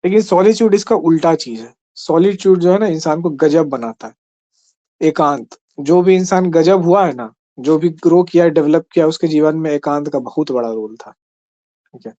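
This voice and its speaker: A man's voice: a little high, normal speed, dark tone, lo-fi sound. A man teaching an exam-prep class in a conversational way, often checking in with his listeners. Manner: conversational, keeps asking "ठीक है?".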